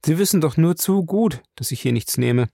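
A man's voice: a little high, lively intonation, normal speed, gravelly, mellow, no echo, clean studio sound, voice pushed up. A man voicing a blunt, interrogating male police captain in an audiobook. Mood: stern.

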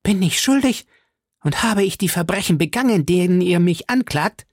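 A shrill, high-pitched condemned noblewoman, as a male reader puts her on, desperate and vengeful. Her voice leaps up into a piercing register, swinging between threats and frantic pleading. A storybook read-aloud with a close, dry sound. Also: lively intonation, moderate pace, no room sound.

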